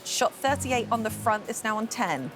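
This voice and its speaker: A woman hosting a golf studio show, delivering broadcast commentary on highlights. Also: lively intonation, moderate pace. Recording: music bed behind studio narration. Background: music.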